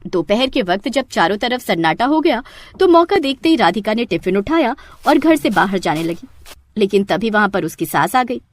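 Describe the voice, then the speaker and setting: A woman's voice: mid-range voice, big pitch swings, moderate pace. A woman narrating a scripted story.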